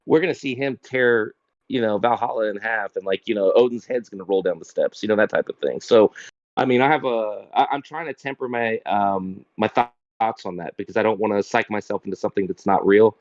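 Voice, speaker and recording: A man's voice: lowish voice, brisk, no echo, highs cut off. A man who is a guest on a podcast, rambling in casual chat, with "like" and "you know" in every sentence.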